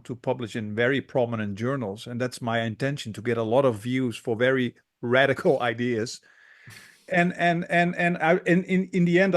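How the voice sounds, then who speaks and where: A man in his thirties from the Netherlands hosts a political interview in a mid-pitched voice. He speaks with passion, but his sentences often stall and restart. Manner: hesitant, many restarts, impassioned. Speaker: interview host, academic.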